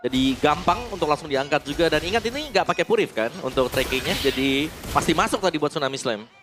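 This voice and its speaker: Esports caster, analyst seat, man, Indonesian accent, rapid analytical talk, light music behind. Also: fairly high pitch, lively intonation.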